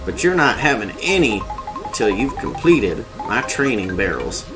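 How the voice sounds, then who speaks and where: A man's voice: medium pitch, very animated, moderate pace, rough recording. A man voicing a crazy old ape mad scientist from a video game, scolding and mocking like an unhinged villain, with music behind him. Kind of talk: hammy video game character read-aloud.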